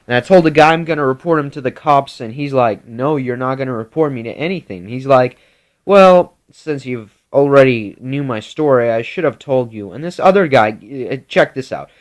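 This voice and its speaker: A man's voice: mid-range voice, normal speed, hardly any pauses. Man rambling through a made-up tale. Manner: meandering, full of restarts and 'like'. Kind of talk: rambling improvised storytelling.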